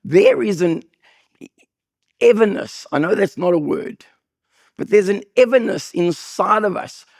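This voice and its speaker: A man preaching a sermon as pastor, with an accent, telling humorous stories with sudden high bursts of emphasis. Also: measured pace, pauses often, no echo, studio quality. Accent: non-local accent. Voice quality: gravelly, husky voice. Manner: animated, jokey storytelling with sudden high bursts.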